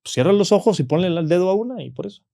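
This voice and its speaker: A man with a Mexican Spanish accent tells personal stories in a dark, mellow voice. He talks loosely, leans on "¿no?" and "o sea", and slips into the voices of people he quotes. The recording is dry and close. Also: high-pitched, expressive, very fast, gravelly, dry recording. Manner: frequent "¿no?" and "o sea" tags, acts out quoted voices. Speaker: podcast guest. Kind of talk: casual conversational storytelling.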